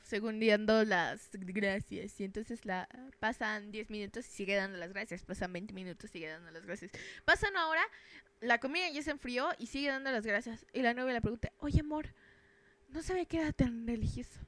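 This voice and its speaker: A young woman, joking and rambling in a self-mocking, crude way while commenting on a game. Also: a little high. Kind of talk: casual gameplay commentary.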